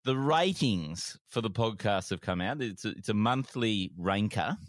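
Male Australian comedy podcast host, animated pitch, close dry sound. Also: unhurried, no room sound. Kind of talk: comedic chat podcast hosting.

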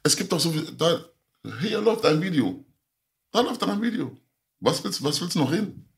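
A man's voice: on the high side, expressive, brisk. A man talking as a podcast guest, heated and repeating himself, often calling the others brother. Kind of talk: casual podcast chat.

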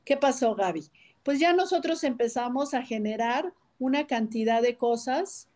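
Brief: woman co-host with a high voice, casual explanatory chat. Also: lively intonation, normal speed, darkish tone. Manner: explains with hypothetical dialogues.

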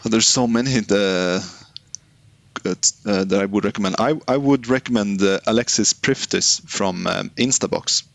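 A man with a lowish, creaky voice speaks unhurriedly in a dry recording. He's an online business founder appearing as a guest in a casual interview, frequently restarting and repeating words as he thinks.

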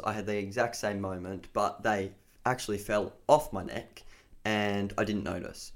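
A man co-hosting a casual podcast, laughing often as he tells stories. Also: lowish voice. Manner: laughs often, relaxed storytelling. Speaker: podcast co-host. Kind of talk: casual chat.

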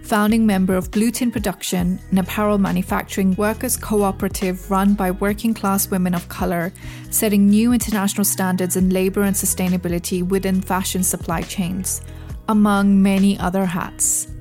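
A woman reads out a podcast introduction in a smooth, polished way. Soft music plays quietly behind her. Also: medium pitch, little pitch movement, normal speed. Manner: polished, read-aloud delivery. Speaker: podcast host.

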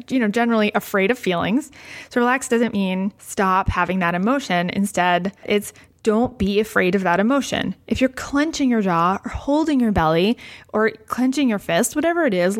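A woman explaining a step-by-step coping technique in a calm, conversational way, with frequent casual asides. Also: mid-range voice. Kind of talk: explanatory talk to camera.

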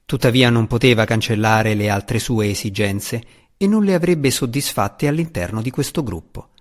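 A man narrating a fantasy audiobook with expressive, dramatic storytelling. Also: medium pitch, normal speed.

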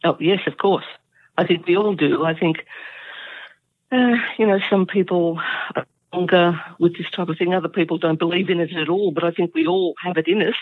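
A woman telling a personal story as an interview guest, earnest and halting with many fillers, on a phone line. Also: fairly low pitch, steady tone. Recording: tinny phone-like line, dry.

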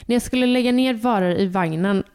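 Woman, young adult, casual podcast co-host, animated storyteller. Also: a little high, clear, resonant tone. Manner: animated storytelling, acts out kids' voices. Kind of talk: casual chat.

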